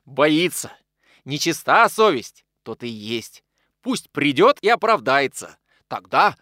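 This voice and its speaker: A nervous, bitter gentleman, as a male reader puts him on, his voice pitched up and pushed loud with agitation. He swings widely in pitch as he snaps out short lines, recorded close and dry. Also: sing-song, normal speed, no room sound. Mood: agitated. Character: agitated bitter man in dressing gown. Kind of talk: audiobook character reading.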